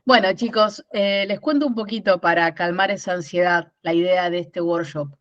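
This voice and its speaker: A woman in her thirties from Rosario leads an online workshop with a Rosario Argentine Spanish accent, explaining ideas step by step, repeating words and checking in with listeners by asking "¿no?". Her voice is fairly low at a normal speed, with no room sound. The audio is dry and a little dull, like a basic online call.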